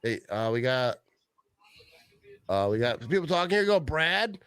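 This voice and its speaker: Easygoing halting male host. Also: mid-range voice, very animated, fairly bright tone, clear, resonant tone, no echo. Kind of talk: casual live-stream chat.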